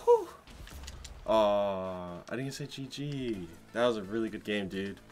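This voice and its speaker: A young man commenting on his own gameplay, keyed up and shaky with adrenaline, shouting in tense moments and going soft in between. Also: on the low side, unhurried. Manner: excitable, shouts in tense moments then talks softly. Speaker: gaming video creator.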